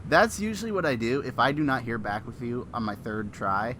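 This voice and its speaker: A man's voice: mid-range voice, brisk, fairly bright tone, slight background noise. A man co-hosting a live-stream podcast, chatting casually and joking, often trailing off mid-sentence. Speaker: podcast co-host.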